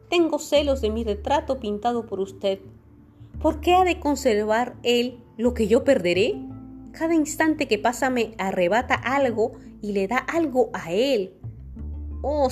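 Woman doing a vain young man, high strained voice, pleading, storybook reading. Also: darkish tone, close to an everyday voice. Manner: pleading, rising to high anxious outbursts. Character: vain, anguished young man, beauty-obsessed.

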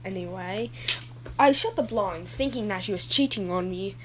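A woman's voice: mid-range voice, moderate pace, slight background noise, lightly acted, poor audio. A woman voicing a goofy, rambling adult male dad who keeps getting sidetracked in his story.

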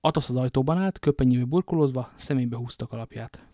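A man narrating a novel aloud, with even, steady storytelling. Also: medium pitch, dry recording, studio quality. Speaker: audiobook narrator. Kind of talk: novel reading.

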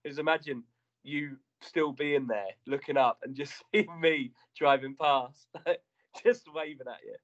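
A man's voice: fairly high pitch, a little slow, dull audio. A man with a British accent hosting a casual podcast chat with dry, teasing banter. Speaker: podcast host.

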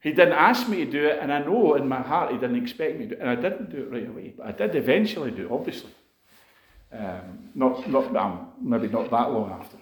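A man's voice: medium pitch, lively intonation, fairly quick. A man preaching to a congregation, telling a personal testimony in a conversational, emotional way, with frequent fillers and restarts. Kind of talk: sermon testimony. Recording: echoey room.

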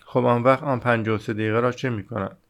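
A man's voice: medium pitch, steady tone, vocal fry, a bit bright. A man reading the part of a small, curious boy prince in an audiobook, in an earnest, wondering way.

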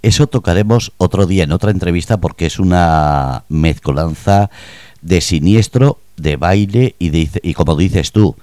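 Male radio host, very low voice, mellow dark tone, playful questions. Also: moderate pace, dry recording. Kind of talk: radio interview.

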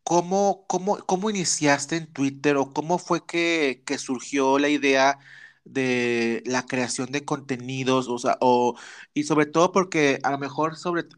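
A man's voice: mid-range voice, measured pace, clean tone. Mexican-accented man, podcast host, campy teasing banter, casual chat.

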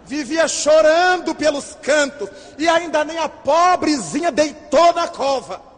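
Male lecturer, high voice, comic storyteller who acts out the dialogue, long hall reverb. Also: a little slow. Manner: lively, self-mocking, acts out the dialogue. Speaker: speaker at a spiritist gathering.

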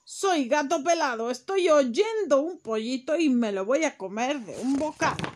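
A woman voicing a greedy, bullying tomcat in a children's story, drawn-out and loud. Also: sits high, expressive. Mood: menacing. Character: menacing male cat, greedy bully.

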